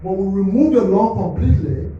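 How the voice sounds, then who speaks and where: Speaking animatedly and a little fast, a Liberian forensic pathologist explains autopsy slides to reporters like a teacher, checking "all right?" after each point. His voice sits high with a dark tone, and there's a little hiss or hum. He's captured on a distant mic in a government press briefing hall that sounds echoey and muffled.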